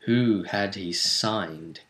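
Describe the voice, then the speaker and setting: A game master and vidcast host casually recaps a tabletop role-play tournament, speaking emphatically and dramatically and repeating phrases for effect. His voice sits on the low side, with drawn-out words and a fairly bright tone. The room sounds roomy and echoey.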